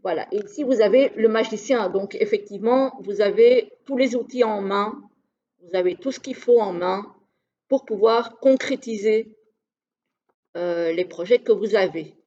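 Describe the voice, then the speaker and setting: A woman giving a casual monthly tarot reading in a gentle, tentative way, pausing often to collect her thoughts. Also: medium pitch, muffled recording. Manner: gentle, tentative, with frequent "voilà" pauses. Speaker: tarot reader.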